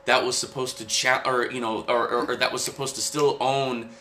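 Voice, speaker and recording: A man talking football casually as a podcast host, halting and repeating himself, opinionated and loose with swearing. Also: mid-range voice, flat delivery, sharp tone. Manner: halting, repetitive, profane, opinionated. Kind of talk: casual football recap chat. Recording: roomy echo, faint background noise.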